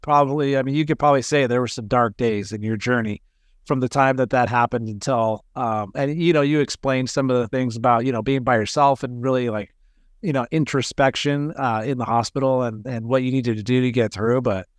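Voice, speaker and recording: A male podcast host talks in a relaxed, slangy way, clearly enthusiastic and full of admiration. His voice sits at a plain middle pitch. The recording is dry and close. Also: brisk, dry recording. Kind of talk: casual podcast interview.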